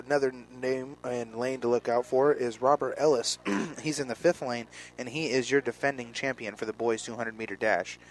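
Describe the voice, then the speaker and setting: American male track analyst, mid-pitched voice. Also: rough recording. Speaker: track and field analyst, co-commentator. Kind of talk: live sports analysis commentary.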